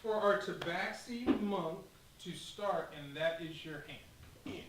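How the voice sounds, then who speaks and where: Game master, male, slightly high voice, upbeat; distant mic in an echoey, noisy room. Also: takes it slowly. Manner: upbeat, laughing, repeats players' answers. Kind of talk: running a tabletop game.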